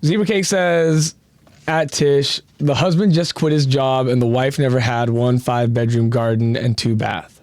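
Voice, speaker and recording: A man's voice: mid-range voice, fairly even intonation, moderate pace, a little mellow, no echo. A man co-hosting a stream, reading out viewer messages in a casual, chatty way. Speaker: co-host reading live chat. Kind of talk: casual chat.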